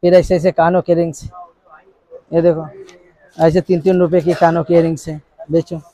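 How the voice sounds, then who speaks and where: A man in his thirties working as a wholesale shopkeeper, showing goods and listing prices in a brisk, repetitive sales patter inside a crowded shop. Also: fairly high pitch, flat delivery, mellow, dry recording, rough recording. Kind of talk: sales pitch to a vlogger. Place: crowded cosmetics shop, indoors.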